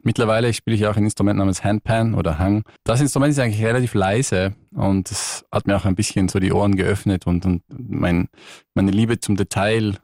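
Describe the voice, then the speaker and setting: Tiroler Musiker mit tiefer Stimme. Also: male voice, lowish voice, steady tone, brisk, a little mellow, dry recording, studio quality. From Tyrol, Austria. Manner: thoughtful, with frequent restarts. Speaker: guest musician. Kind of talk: relaxed radio interview. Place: radio studio.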